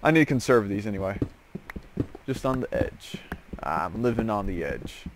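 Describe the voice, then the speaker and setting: Clicks and clear background noise accompany this gaming-series host, a man whose lowish voice has lively intonation at normal speed. His game commentary is casual and rambling, drifting off into jokes on the side.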